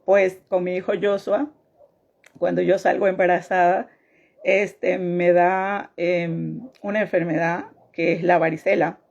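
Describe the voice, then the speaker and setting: A woman telling a personal faith testimony in a halting way, repeating her phrases. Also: lowish voice, gravelly, a little mellow, muffled recording.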